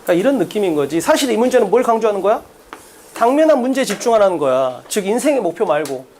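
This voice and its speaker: A man's voice: high-pitched, big pitch swings, fast, a little mellow, slight background noise. A man lecturing on exam English at a blackboard, blunt and brash, firing rhetorical questions at students. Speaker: English test-prep lecturer.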